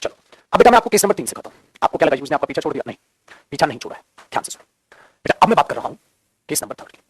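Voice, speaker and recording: Man, grammar tutor; rapid, husky, drills points by repetition and rhetorical questions. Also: a little high, big pitch swings, no room sound. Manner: addresses students as beta, repeats key phrases, asks and answers his own questions. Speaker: English grammar teacher. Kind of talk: classroom grammar lesson in Hindi.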